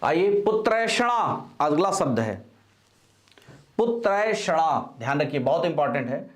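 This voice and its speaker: A man teaching spelling for exams, repeating each word slowly and stressing key syllables, with frequent reminders to pay attention. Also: on the high side. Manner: animated, coaching tone with frequent reminders. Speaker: Hindi grammar teacher. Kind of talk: exam-prep spelling lesson.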